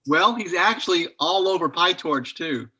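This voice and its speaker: A man with a bright, forward voice sitting a little above the usual pitch. He talks casually on a video call, rambling and thinking aloud as he works through a technical question. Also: lively intonation, normal speed, breathy edge. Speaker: study group member.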